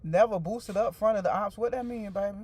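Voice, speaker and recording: Speaking fast in a mid-range voice that's warm and husky, a woman in her forties runs a relaxed stream. She chats straight to her audience, repeats herself, and replies to what they post.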